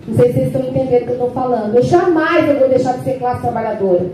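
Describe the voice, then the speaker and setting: A woman in her sixties speaks candidly and with feeling, her voice set high. She is picked up from a distance in a strongly echoing hall, with clear noise behind her. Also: rapid-fire, dark tone. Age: 60s. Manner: emotional, candid, tearful at times. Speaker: union founder speaking at a meeting. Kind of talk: emotional personal testimony. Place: meeting hall. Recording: echoey hall, voice from far off, noisy.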